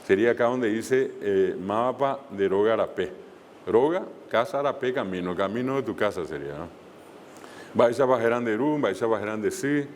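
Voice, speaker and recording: A low-voiced man teaches an online language class, patiently spelling out sounds and repeating examples with frequent hesitations. His voice carries a long reverb, and a faint hiss sits under it. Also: animated, normal speed.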